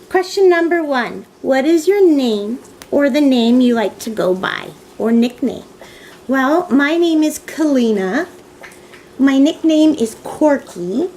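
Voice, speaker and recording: High-voiced canadian woman in her 30s, slow rambly vlog chat, kinda sleepy. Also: animated, warm tone, slight background noise, rough recording. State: tired. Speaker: vlogger answering a tag. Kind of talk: casual chat.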